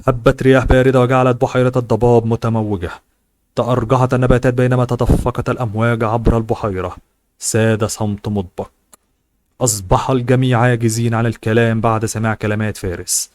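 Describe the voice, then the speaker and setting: A man narrating a serialized novel as an audiobook reader, brisk and even. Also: mid-range voice, no room sound. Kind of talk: novel reading.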